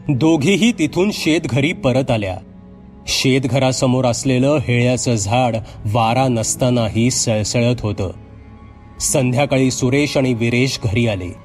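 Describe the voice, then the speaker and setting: A man's voice: mid-range voice, darkish tone. Suspenseful male horror storyteller. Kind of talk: scripted horror narration.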